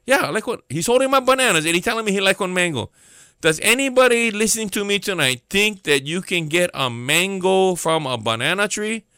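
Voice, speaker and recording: Pastor, male, Hawaiian Pidgin accent, animated storytelling sermon, bright voice, lively pitch. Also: brisk, smooth, no echo, clean studio sound. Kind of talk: storytelling sermon to a listening audience.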